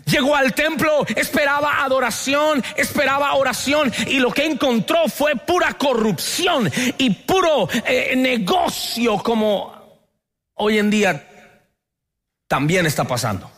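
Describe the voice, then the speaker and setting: Man, Colombian accent, pastor, animated sermon, high-pitched, bright tone. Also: a little slow. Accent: Colombian Spanish. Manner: animated preaching, calls on the congregation to repeat lines.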